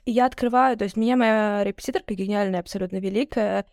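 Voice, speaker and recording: Quick and animated, this young Russian podcast guest spins casual stories while impersonating the people in them. Her mid-range voice comes through at studio quality without echo.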